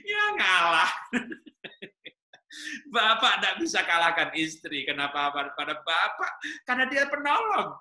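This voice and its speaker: A man's voice: sits high, big pitch swings, takes it slowly, pushed and bright, roomy sound. A man preaching a humorous sermon to married couples, teasing the listeners with questions and jokes. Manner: joking, teasing the audience with questions.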